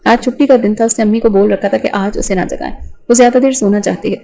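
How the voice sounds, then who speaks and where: Mellow-voiced woman narrating a romance novel. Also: medium pitch, vocal fry, low-quality recording.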